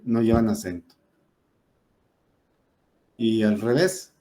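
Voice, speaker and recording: A man's voice: medium pitch, a little mellow. A man teaching a spoken lesson on rules, explaining step by step with frequent fillers and self-corrections.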